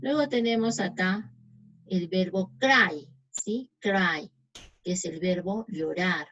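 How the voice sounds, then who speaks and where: Woman, native Spanish speaker, unhurried English teacher who checks in often; muffled lo-fi recording. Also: on the low side, a bit bright. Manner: slow, reads English examples deliberately, checks in with "¿sí?". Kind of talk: explaining grammar to students. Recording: dull lo-fi sound.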